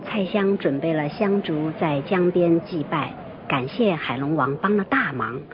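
A woman telling a folktale in scripted narration, expressive and lively. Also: low voice, measured pace, noisy background. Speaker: storyteller. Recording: muffled lo-fi recording, soft music.

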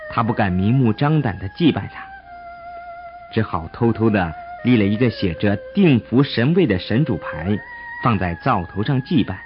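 A man narrates a folk tale with an expressive, dramatic delivery and a lively, swinging pitch. The sound is muffled, with faint music underneath. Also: normal speed. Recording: dull audio with soft music.

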